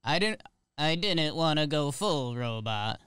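A man with a very clear, crisp voice at a middle pitch riffs playfully with his co-host. His delivery is loose and teasing, the banter of a comedy podcast. The studio sound is dry and close. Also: animated, fairly bright tone, dry recording. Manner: playful, teasing, quick to riff.

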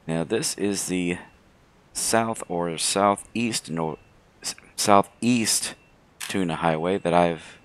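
A man with a slightly hoarse voice giving casual, unhurried, low-voiced commentary as host of a gaming video. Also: dry recording. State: hoarse from throat trouble.

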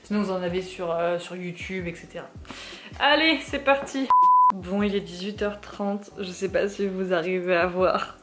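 Soft-voiced young woman vlogging casually. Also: lowish voice, normal speed. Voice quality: soft, sleepy ASMR-like voice. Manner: chatty, swears casually. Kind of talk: casual vlog chat. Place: at home.

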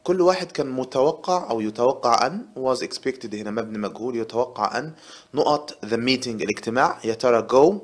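An Egyptian man with a middle-pitched voice walks students through English vocabulary exercises. He reads example sentences slowly and carefully. Then he explains them in fast colloquial Arabic, asking his class one rhetorical question after another. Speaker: English teacher.

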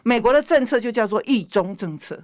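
A woman's voice: a little high, lively intonation, fairly quick, darkish tone. A woman legislator, a guest on a political talk show, speaking in an indignant, emphatic way and firing off rhetorical questions.

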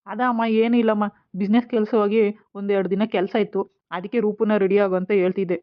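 A woman playing a curt young husband and son who brushes people off with quick, brusque retorts, for an amateur family skit. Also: medium pitch, level tone, natural voice. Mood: dismissive. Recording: slightly dull lo-fi sound.

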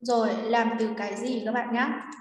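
A woman teacher with a Vietnamese accent explains an English quiz, slowing down to repeat key words and asking her class if they follow. Her voice sits slightly high and sounds distant from the mic, with a long echo filling the room. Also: steady tone. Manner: repeats words slowly, checks in with students. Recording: echoey room, voice far from mic.

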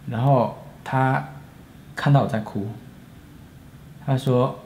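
A man in his forties with a Taiwanese Mandarin accent, earnestly recounting a personal story with pauses and restarts. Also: medium pitch, fairly even intonation, a little mellow, slight background noise. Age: 40s. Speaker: storyteller, channel host.

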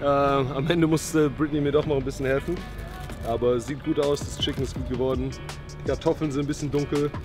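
A young man talking casually outdoors by a grill, switching between German and English in a relaxed way. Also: mid-range voice, brisk, over music. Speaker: vlog host, football player. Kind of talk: casual chat.

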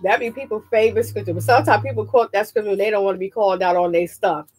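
A woman's voice: mid-range voice, fairly even intonation, rapid-fire, a little mellow, breathy edge. A woman pastor giving an earnest sermon with frequent amens, her throat slightly scratchy. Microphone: webcam. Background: music.

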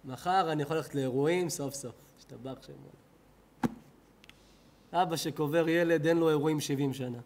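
Animated high-voiced Israeli rabbi preaching. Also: male voice, long pauses. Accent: Israeli Hebrew. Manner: animated preaching, swings from loud outbursts to low murmurs. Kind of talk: sermon to a synagogue audience. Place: synagogue hall.

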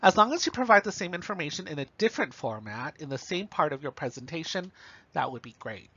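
A man with a slightly higher voice delivers a recorded lecture, explaining each point plainly and checking in with "okay" and "right". The recording is a bit muffled and lo-fi. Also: big pitch swings, fast talker, pushed and bright, slightly rough.

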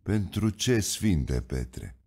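A man's voice: deep voice, very animated, warm tone, breathy edge, exaggerated voice. A man voicing a stubborn, plainspoken old coal miner who pleads his case with earnest defiance. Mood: weary.

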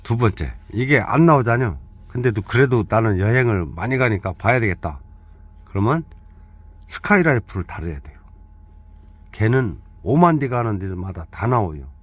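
Male dealer, low lively voice, jokey and chatty, explaining features inside a camper van. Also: moderate pace, breathy edge, dry recording. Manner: joking, chatty, walks through steps aloud. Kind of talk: casual hands-on product walkthrough.

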